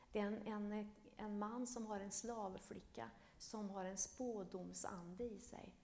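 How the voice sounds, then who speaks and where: A woman preaching a sermon, retelling a Bible story, swinging between loud emphasis and hushed whispers. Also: mid-range voice, gravelly, a little hiss or hum. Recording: echoey room.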